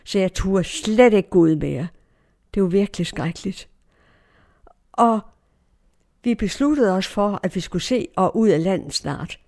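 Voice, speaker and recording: A woman's voice: mid-range voice, animated, pauses often, dark tone. An older woman from Denmark, telling a story from her own life in a vivid way and acting out the voices of the people in it. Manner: vivid, acts out voices in quoted speech. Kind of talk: personal storytelling.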